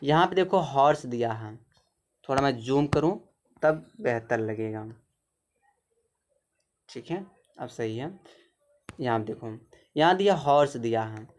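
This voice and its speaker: A man teaches grammar in a patient, repetitive way. He walks through each example step by step and often pauses to check that the listener follows. His voice sits at an ordinary middle pitch. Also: expressive, a little hiss or hum. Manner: patient, repetitive explaining with frequent "theek hai". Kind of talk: grammar lesson over a zoomed screen.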